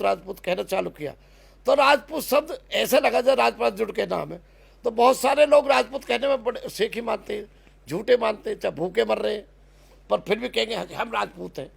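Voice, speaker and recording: Brief: husky, raspy male speaker, fired-up argument, stops to restart words. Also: high voice, fairly bright tone. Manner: emphatic, repeats and restarts words, lists places. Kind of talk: impassioned spoken argument.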